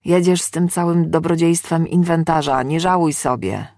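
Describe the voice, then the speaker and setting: A boastful, long-winded male demon, as a woman reader puts him on, mocking and indignant by turns, with a gravelly edge to the voice. He is a sarcastic windbag, read close and dry with no room around him. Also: rumbling low, moderate pace, no room sound. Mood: taunting.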